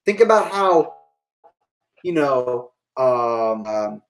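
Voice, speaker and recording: A woman's voice: a bass voice, very animated, extremely slow, low-quality recording. A woman giving a live-streamed history lecture to online students, thinking aloud with fillers and asides.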